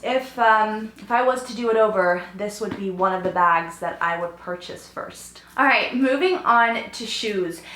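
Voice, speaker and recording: A woman's voice: on the high side, fairly bright tone, slight background noise. Chatty young woman, fading voice. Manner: chatty, enthusiastic, many fillers. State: losing her voice. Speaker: fashion vlogger. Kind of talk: casual chat to camera. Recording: roomy home recording.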